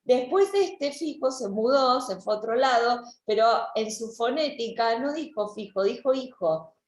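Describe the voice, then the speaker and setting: A woman's voice: fairly high pitch, expressive, measured pace, echoey room. Argentine woman teaching a language class. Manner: explanatory, with many restarts and repeated words. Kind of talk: online class lecture.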